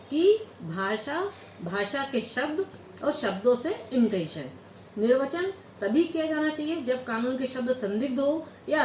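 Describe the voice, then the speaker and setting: A woman's voice: on the high side, a little mellow, a little hiss or hum. A woman giving a Hindi law lecture, asking questions and answering them herself. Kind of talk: classroom lecture. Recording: echoey room with faint ambience.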